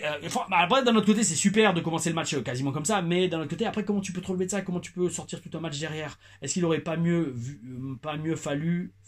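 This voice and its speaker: A husky-voiced man from France hosts a casual wrestling review. He talks in an animated way, with playful asides and quick jokes. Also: on the high side. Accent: French. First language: French.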